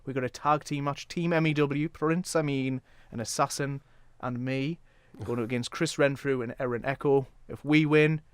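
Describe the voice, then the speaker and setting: A man's voice: medium pitch, steady tone, moderate pace, few pauses, smooth, no echo. A man with a North East English accent chatting casually as an interview guest, explaining things plainly step by step. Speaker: guest, wrestling promoter.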